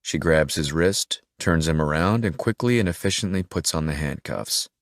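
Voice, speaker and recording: A man narrating a thriller audiobook in a steady, measured way. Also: rumbling low, no echo, clean studio sound.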